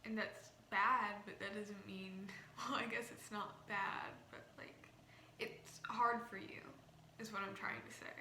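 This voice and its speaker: A woman's voice: mid-range voice, steady tone, measured pace, bright, forceful tone. A young woman with a slight lisp, as if wearing a retainer, explaining ideas casually and informally to a camera. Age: young adult. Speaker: vlogger. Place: small indoor room. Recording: roomy echo, faint background noise.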